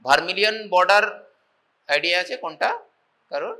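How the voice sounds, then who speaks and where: A man with a Bengali accent giving a medical college lecture, reading slow English lines and explaining them in Bengali, often checking whether students follow. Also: sits high, sharp tone, low-quality recording. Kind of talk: classroom lecture.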